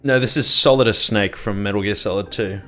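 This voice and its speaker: Lowish-voiced man streaming a game. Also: brisk, bright, forceful tone. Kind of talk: casual live-stream commentary. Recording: music and game audio behind.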